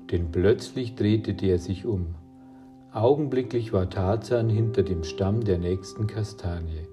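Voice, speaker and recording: A man calmly narrating an audiobook story at an unhurried pace. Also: fairly low pitch.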